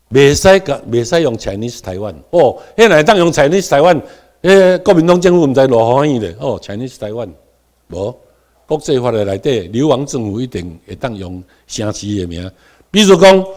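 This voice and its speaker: In a fairly high voice, a middle-aged man from Taiwan teaches a class, shifting between soft asides and sudden loud emphasis while leading students in repeating terms.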